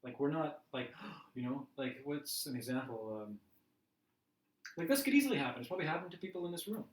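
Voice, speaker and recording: A man's voice: on the high side, very animated, brisk. A man teaching a class in a chatty, laughing way, acting out everyday scenes as examples. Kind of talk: casual teaching talk. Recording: roomy class recording from a distance.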